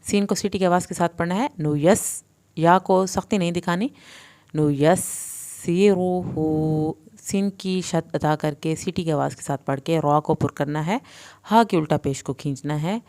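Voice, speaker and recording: A woman teaching Quran recitation rules, explaining each sound patiently step by step and reciting verses in long, drawn-out phrases. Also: low-pitched, mellow. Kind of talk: tajweed lesson with slow recitation.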